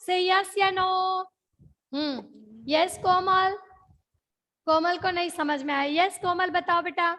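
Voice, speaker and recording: High-voiced teacher with a gujarati accent. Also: female voice, slow pace, long pauses, fairly bright tone. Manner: mixes Hindi with English words, repeats questions to check understanding. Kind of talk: online class lesson.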